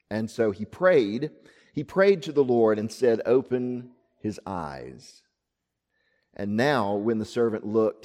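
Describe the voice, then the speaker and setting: A man preaching a sermon, telling a Bible story with lively acted-out voices for the figures. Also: mid-range voice, in a large hall. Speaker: pastor.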